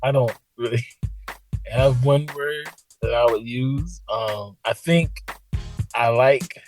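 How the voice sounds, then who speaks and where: Relaxed man over faint music. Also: medium pitch. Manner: relaxed, thinks aloud with pauses. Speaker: podcast guest. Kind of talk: casual interview.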